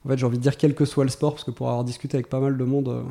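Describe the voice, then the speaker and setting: A man's voice: mid-range voice, flat delivery, very fast, creaky, mellow. A man in his thirties, a guest in a podcast interview, thinking aloud with many hesitations and restarts. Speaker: guest, tech executive. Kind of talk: casual interview talk.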